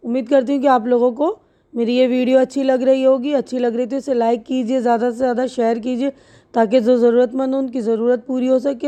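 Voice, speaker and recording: A woman teacher walks through a lesson step by step, spelling each letter out slowly and with patience. Her voice is fairly high but soft and mellow. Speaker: Urdu teacher. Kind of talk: slow step-by-step lesson explanation.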